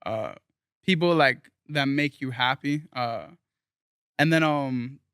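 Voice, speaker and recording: A man's voice: medium pitch, takes it slowly, fairly bright tone, clear, resonant tone, no room sound, studio quality. A young man from South Florida, a guest musician talking casually in an interview, rambling earnestly with lots of fillers.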